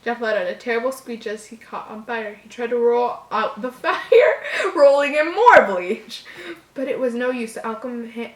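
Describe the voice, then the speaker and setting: A woman with a slightly high voice reads a horror story aloud at normal speed as a host, stumbling over lines. She keeps breaking off into mocking, exasperated asides, and the room sounds echoey.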